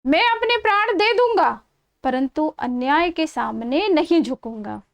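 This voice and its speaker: A woman's voice: high-pitched, expressive, unhurried, creaky, exaggerated voice. A woman voicing a defiant, devout young man facing death in a storybook reading. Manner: firm, resolute declarations.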